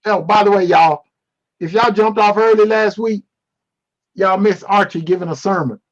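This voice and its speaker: A man's voice: sits high, normal speed, muffled recording. A man teaching a casual online Bible class over a video call, playful and teasing as he answers the chat.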